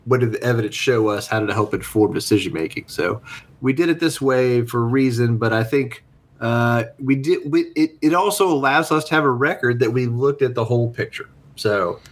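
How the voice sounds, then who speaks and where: Male sports co-host, calm and earnest, middle pitch. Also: a little fast. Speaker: podcast co-host. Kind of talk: casual sports talk.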